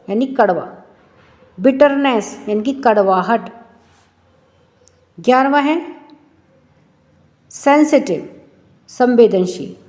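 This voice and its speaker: A woman teacher talks students through a lesson at a very slow, careful pace. Her voice sits a little high. She keeps asking questions and then answering them herself, and her words ring out with a long reverb tail. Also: darkish tone. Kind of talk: explaining an English lesson for schoolchildren.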